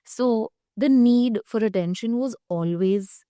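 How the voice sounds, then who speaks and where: A woman's voice: fairly high pitch, takes it slowly, warm tone, dry recording. A woman with an Indian accent giving explanatory, conversational interview answers as a psychologist, often tagging phrases with "you know". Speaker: guest psychologist.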